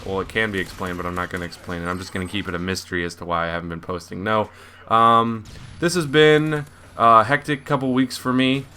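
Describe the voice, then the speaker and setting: A man's voice: on the low side, bright, forceful tone, a little hiss or hum. A young man giving casual video commentary, rambling and self-mocking with lots of restarts. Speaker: YouTube gaming commentator.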